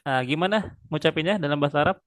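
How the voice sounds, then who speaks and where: A man's voice: fairly high pitch, a bit bright, no room sound. Patient male Arabic tutor. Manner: patient, slow drilling with frequent pious interjections. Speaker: Arabic teacher. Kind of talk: online one-on-one language lesson.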